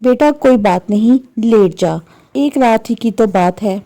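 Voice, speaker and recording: Storybook figure: elderly mother, played by a woman storyteller, gentle yet firm, on the high side. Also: animated, measured pace. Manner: soft and patient, turning to firm lecturing. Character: patient older mother, calm then scolding.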